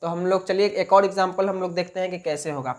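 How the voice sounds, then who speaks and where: A man's voice: sits high, fairly even intonation, fast, darkish tone. A man teaching a basic spoken English lesson in Hindi, explaining step by step and answering his own questions. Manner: repetitive, plain classroom talk.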